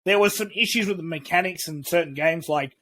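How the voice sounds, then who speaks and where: A man's voice: a little high, fairly quick, pushed and bright. A man co-hosting a casual podcast, rambling through his views with frequent restarts and cheerful swearing. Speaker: podcast co-host. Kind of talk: casual chat.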